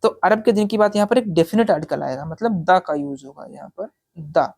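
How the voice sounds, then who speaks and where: A woman teaching an exam-prep English lesson. She reads English sentences out slowly, explains each one in Hindi, and keeps checking in with the listener. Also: lowish voice, vocal fry, darkish tone.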